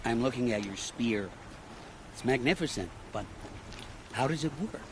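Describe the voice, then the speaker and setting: A man's voice: mid-range voice, animated, normal speed, lightly acted. An actor playing a sly, scheming male scavenger in a video game, wheedling and theatrical, over game audio with background noise. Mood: flattering.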